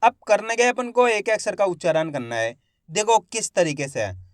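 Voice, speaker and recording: With a high, sing-song voice, a man teaches Hindi reading, slowly sounding out each word syllable by syllable before repeating it whole. He encourages his viewers as friends, and the studio-quality recording has no echo.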